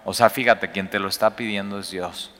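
A man, preaching a sermon in a conversational, animated way with rhetorical questions. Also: lowish voice, brisk. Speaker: pastor. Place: church hall. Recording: echoey hall.

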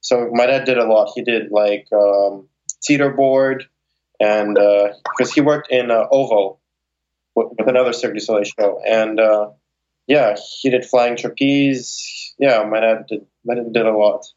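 A man's voice: on the low side, fairly even intonation, unhurried, darkish tone, highs cut off. A young man born in Moscow and raised in Ukraine and Las Vegas, answering interview questions in a loose, rambling way with many fillers and restarts. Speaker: guest, circus straps performer.

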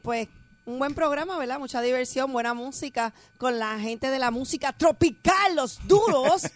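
A woman's voice: high-pitched, normal speed, no echo. A woman co-hosting a radio show, teasing and scolding her partners. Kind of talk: chatty radio banter. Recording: faint music in the background.

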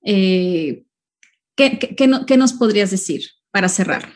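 A woman's voice: medium pitch, animated, measured pace, darkish tone. A woman hosting an interview, friendly and affirming, often answering with a short "claro" and sharing her own stories. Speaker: interview host.

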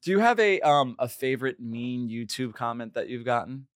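A man in his thirties hosts a podcast in a loose, chatty way, laughing often and wandering into asides. His pitch sits in the middle range and the recording is dry and close-miked. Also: normal speed, clean tone, no echo. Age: 30s. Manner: laughs easily, relaxed rambling asides. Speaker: podcast host. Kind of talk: casual podcast chat.

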